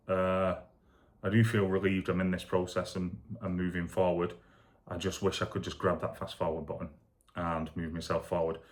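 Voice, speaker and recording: A man speaking candidly and casually in a rambling video diary, foggy and low on energy after surgery. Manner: rambling, candid, matter-of-fact. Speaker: vlogger recovering from shoulder surgery.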